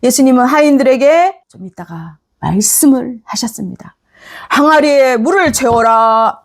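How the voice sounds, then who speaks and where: A woman's voice: on the high side, a little mellow. A middle-aged woman pastor preaching a storytelling sermon, acting out the voices of figures and asking the congregation questions she answers herself.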